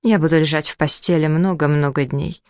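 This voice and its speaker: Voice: fairly even intonation, a little fast, darkish tone, dry recording, studio quality, close to an everyday voice. Reader as a furious hysterical widow. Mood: indignant. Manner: shrill outrage, theatrical complaints. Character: indignant plump middle-aged widow, hysterical.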